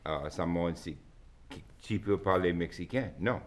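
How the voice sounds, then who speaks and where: A man from Louisiana, answering interview questions in halting, plain-spoken with restarts. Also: low voice. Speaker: guest. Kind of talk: casual conversational interview.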